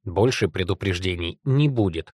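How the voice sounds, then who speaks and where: A man voicing a stern male guardian in a storybook reading, strict and measured with a quiet menace. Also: on the low side, fairly even intonation, no room sound, studio quality, close to an everyday voice.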